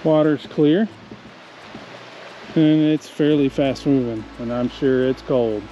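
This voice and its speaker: A man's voice: medium pitch, takes it slowly, warm tone, highs cut off. Easygoing man narrating a forest hike. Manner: easygoing, musing aloud. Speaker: hiking vlogger. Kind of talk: casual commentary on a hike. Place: outdoors on a forest trail by a river. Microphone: action camera held or worn.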